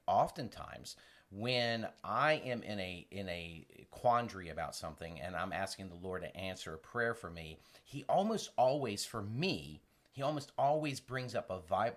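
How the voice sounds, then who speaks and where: Low-voiced man teaching about faith. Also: a bit bright. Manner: earnest, with halting restarts and acted-out examples. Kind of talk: conversational Bible teaching.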